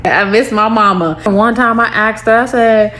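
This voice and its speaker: A young woman tells a casual storytime, her somewhat high voice swinging up into animated quoted lines. She talks straight to her viewers. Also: normal speed. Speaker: storytime creator.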